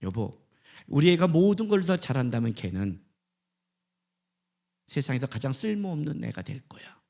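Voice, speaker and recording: A middle-aged male pastor preaching a sermon, dropping to hushed quotes and rising to loud emphatic peaks. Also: mid-range voice, big pitch swings, moderate pace, vocal fry.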